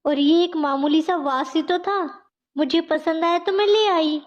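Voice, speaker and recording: A woman's voice: very high voice, fairly even intonation, measured pace, lo-fi sound. A woman voicing a cheerful reassuring young bride. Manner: reassuring, smiling. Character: kind cheerful young daughter-in-law.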